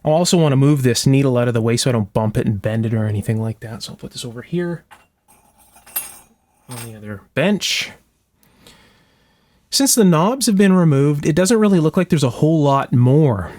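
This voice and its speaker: This restoration channel host has a mid-range, slightly mellow voice and sounds animated, speaking at normal speed with long pauses. There's no echo. He's demonstrating a hands-on restoration in his indoor electronics workshop, casually thinking through each step aloud in a methodical way.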